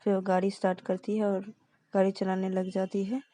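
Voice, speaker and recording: A woman's voice: mid-range voice, flat delivery, a little fast, dark tone, no echo. A woman casually narrating a love story, linking each step with the same simple phrases. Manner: plain, repeats linking phrases.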